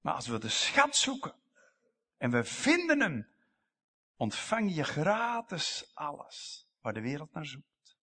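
Preacher, bright husky voice. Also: male voice, fairly high pitch, wildly swooping pitch, a little slow. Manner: emphatic, rising to loud passages and dropping to whispers. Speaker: pastor. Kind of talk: sermon.

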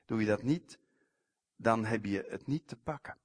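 A man preaching a sermon, swinging sharply in pitch and loudness and stretching out key words. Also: moderate pace, husky.

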